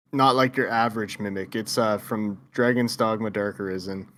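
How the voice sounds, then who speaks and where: A man with a hoarse voice chatting casually on a gaming podcast, laid-back and swearing freely. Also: fairly low pitch, fairly bright tone, slight background noise. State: hoarse, lost his voice. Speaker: podcast co-host. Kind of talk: casual chat.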